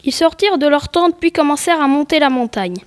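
A woman narrating a story she reads aloud, in a plain, steady way. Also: high-pitched, quick pace.

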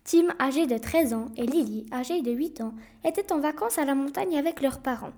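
A woman narrating a children's story aloud, with clear and expressive reading. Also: high voice, brisk.

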